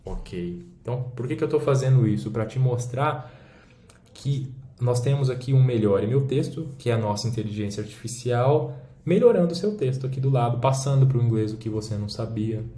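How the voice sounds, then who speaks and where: A man's voice: mid-range voice, a little fast, warm tone. A man with a Brazilian Portuguese accent, teaching a language lesson while demonstrating an app on screen in a casual, explanatory way with frequent check-ins. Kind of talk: screen-share demo lesson. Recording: roomy echo, faint background noise.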